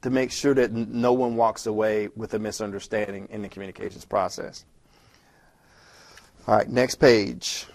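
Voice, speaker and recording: A man talking fast and conversationally as he records a lecture walking through a textbook chapter, with frequent restarts. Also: lowish voice, level tone, gravelly, darkish tone. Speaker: instructor. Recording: self-recorded lecture audio.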